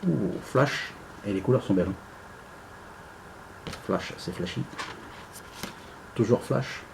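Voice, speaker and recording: A man's voice: medium pitch, slow pace, creaky, background noise. A man giving casual unboxing commentary, rambling and hesitant with many fillers. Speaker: unboxing vlogger.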